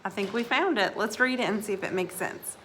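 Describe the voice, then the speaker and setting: A woman teaching a recorded lesson to second graders, patient and encouraging. She sounds out words slowly so small children can follow along, and her pitch sits in the middle. A faint hiss of background noise lies under her voice. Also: fairly bright tone. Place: indoors, hanging out away from classroom.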